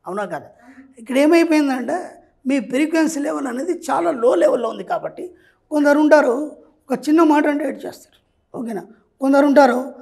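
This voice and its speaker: Guy coach, gravelly raspy voice, preachy and emphatic, keeps checking you got it. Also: very high-pitched, a little mellow. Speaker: spiritual money coach. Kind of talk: lecturing interview answer.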